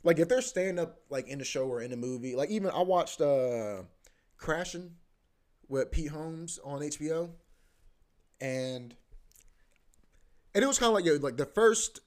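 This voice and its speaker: A young podcast host rambles casually and swears a lot, repeating himself, often restarting, and plugging gaps with "bro" and "you know what I mean." His voice is a little high, expressive and darkish, unhurried, with frequent pauses.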